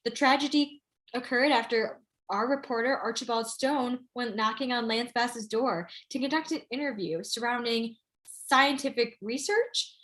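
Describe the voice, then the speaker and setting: A woman acts as a female news anchor in a comic play, with a fairly high voice. She is emphatic and announcer-like, polite in a slightly awkward way. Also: moderate pace, a bit bright, natural voice. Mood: urgent, announcing. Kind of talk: comic news-report acting.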